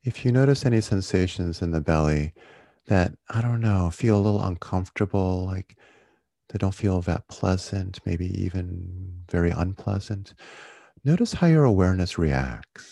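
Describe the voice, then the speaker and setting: A man leading a guided meditation in a soothing, gentle, unhurried manner, like a yoga teacher. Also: sits low, lively intonation, vocal fry, no echo, studio quality. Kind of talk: guided body-scan meditation.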